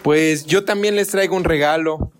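An actor playing an earnest, hurt young adult son in a radio drama. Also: male voice, a little high, normal speed, lightly acted. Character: young adult son, recovering addict, wounded.

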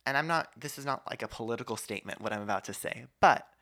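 Bright-voiced, talkative podcast host man. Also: mid-range voice, fast. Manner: talkative, argumentative, uses many asides. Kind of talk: casual faith podcast conversation.

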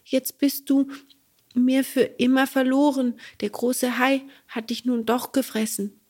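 A woman voicing a small, wise cricket in a storybook reading, with a thin, whispery high voice. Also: level tone, measured pace, darkish tone, slightly rough. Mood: gentle. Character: small wise cricket, stern but kind.

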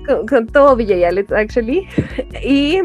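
A woman's voice: on the high side, unhurried, soft background music. A woman in her twenties with a Chilean accent, co-hosting a podcast in casual chat and telling stories with lots of laughter. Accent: Chilean Spanish. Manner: animated storyteller, laughs often, acts out quotes. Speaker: podcast co-host.

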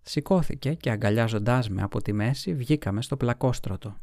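A man reading a novel aloud as an audiobook, in measured, even storytelling. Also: medium pitch, no echo, studio quality. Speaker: audiobook reader. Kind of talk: scripted narration of a novel.

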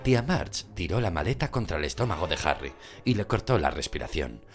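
A man reading a novel aloud as an audiobook narrator, with expressive storytelling. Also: sits low, brisk. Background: background music.

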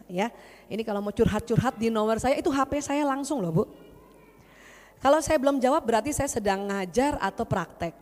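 A woman's voice: mid-range voice, a little mellow, big-room sound. A woman doctor giving a humorous seminar to a women's religious group, playfully teasing and quizzing her audience.

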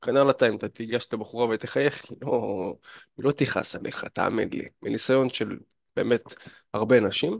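Speaking straight to camera, a man with a gravelly mid-range voice offers casual dating and fitness advice, chatty and packed with fillers as he addresses the listener directly. The recording is dry and the audio dull.

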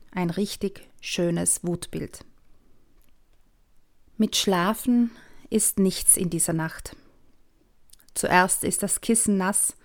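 A woman, reading aloud from her own children's book, calm and expressive, sometimes dropping to a hush. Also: medium pitch. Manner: calm, expressive storyteller with soft hushed passages. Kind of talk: storybook reading.

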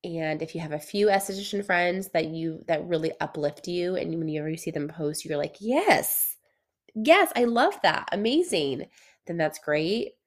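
A woman's voice: low voice, steady tone, normal speed, few pauses. A woman with a nasal, congested voice, sick with a cold, hosting a casual solo podcast as a coach and repeating phrases for emphasis. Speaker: podcast host and business coach for estheticians.

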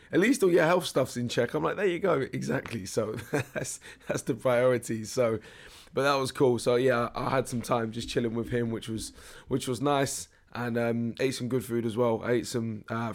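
Young man, British accent, hoarse failing voice, slangy, jokey podcast host, casual rambling chat. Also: lowish voice. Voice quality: hoarse, strained voice. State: hoarse, losing his voice.

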